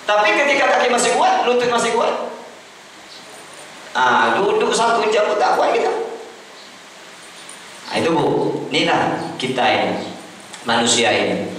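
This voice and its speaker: Preacher in an echoey prayer hall. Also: male voice, sing-song, measured pace, pauses often, a little hiss or hum. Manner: swings between loud high calls and low mutters, asks the room for agreement. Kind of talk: sermon. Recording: echoey hall, mic far off.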